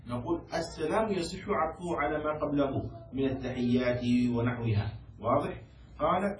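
Teacher in an echoey room, slightly high voice. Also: male voice. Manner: often checks that the students follow; quizzes students and has them repeat words. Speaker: Islamic law teacher. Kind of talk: classroom lecture explaining a text. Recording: echoey room, distant mic, faint noise.

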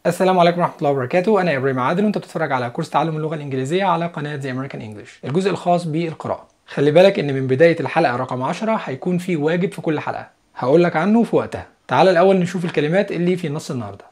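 A man's voice: a little high, racing, hardly any pauses, a little mellow. A young man with an Egyptian Arabic accent teaching an English lesson on video, explaining step by step and repeating each word twice.

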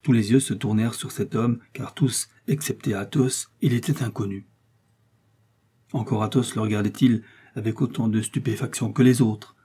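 A man narrating a classic novel as a measured, dramatic audiobook reading. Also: on the low side, mellow, husky.

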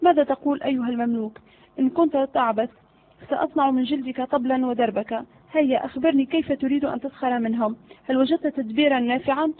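A woman's voice: high voice, quick pace, a little hiss or hum, lightly acted. Woman reading as a menacing, impatient vizier. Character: irritable threatening male vizier, older. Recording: phone-like narrow audio.

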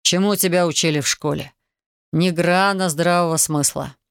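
A reader voicing a stern middle-aged father who lectures slowly in an audiobook. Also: mid-range voice, clear, resonant tone, no room sound, clean studio sound, lightly acted. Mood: scolding. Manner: slow and severe.

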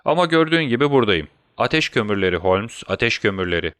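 A man's voice: fairly low pitch, big pitch swings, fast, a bit bright, dry recording, studio quality. A man voicing a scheming, mocking villain doctor in a storybook reading, gloating and taunting.

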